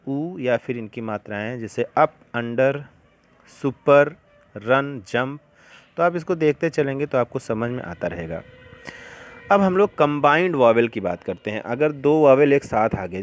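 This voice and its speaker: A man teaching English to beginners, explaining slowly and patiently with many examples. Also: mid-range voice. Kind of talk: beginner classroom-style lesson.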